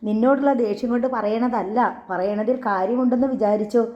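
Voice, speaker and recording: A woman's voice: fairly high pitch, fairly quick, natural voice. Woman reading as a stern, curt husband. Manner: curt, lecturing. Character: stern young husband and father, cold. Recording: echoey, slightly dull recording.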